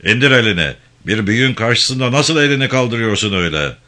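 A man reading a novel aloud, voicing a harsh, bullying gendarme chief who shouts threats and insults. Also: on the low side, animated, moderate pace, voice pushed up. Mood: barking, menacing.

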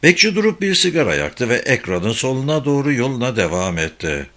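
Bright-voiced male audiobook narrator. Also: mid-range voice, very animated, fairly quick. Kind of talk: scripted narration.

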